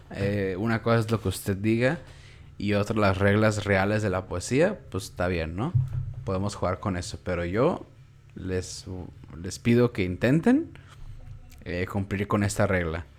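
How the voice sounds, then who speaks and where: Young mexican guy teaching a class, kinda low voice, laid back, says words over and over to show the stress. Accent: Mexican Spanish. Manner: relaxed, explanatory, repeats words aloud to show stress. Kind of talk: casual online class.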